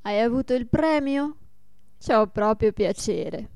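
A woman's voice: a little high, unhurried, a little mellow, dry recording, pitched above the performer's own voice. A woman voicing a small elderly grandmother in a storybook reading. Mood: kindly. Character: small brisk elderly grandmother, proud but softening.

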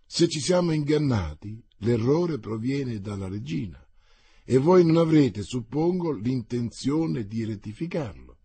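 A man voicing a defensive gentleman courtier who speaks with stiff formality. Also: mid-range voice, lively intonation, measured pace, husky, no echo, heavily acted.

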